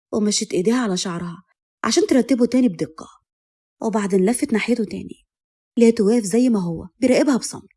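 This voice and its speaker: A woman with an Egyptian accent narrating a romantic audio story at a brisk, steady clip. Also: a little high, husky.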